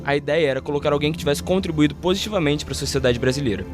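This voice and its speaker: A Brazilian man narrating a podcast from a script, brisk and clear. He speaks very fast in a fairly high voice, with faint music behind him.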